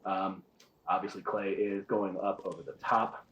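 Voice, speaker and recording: A man's voice: low voice, steady tone, moderate pace, a bit bright, reverberant, dull audio, slight background noise. A man giving casual golf-style play-by-play commentary as a disc golf commentator.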